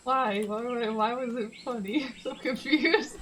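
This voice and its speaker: A woman's voice: a little high, measured pace, over a noisy crowd. A woman streamer chatting casually while playing a game, giggly and goofy. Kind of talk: casual chat while gaming.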